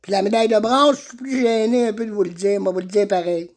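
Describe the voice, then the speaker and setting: A man playing an excitable, giggly young man with a Quebec French accent, proud of his medals. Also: sits high, quick pace, close to an everyday voice.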